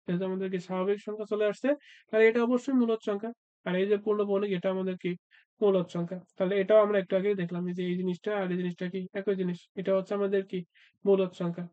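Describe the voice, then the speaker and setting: Fast, flat-voiced male math tutor. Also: high voice, no room sound, dull audio. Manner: asks and answers his own questions, frequent "uh" fillers. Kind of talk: exam-prep math lesson.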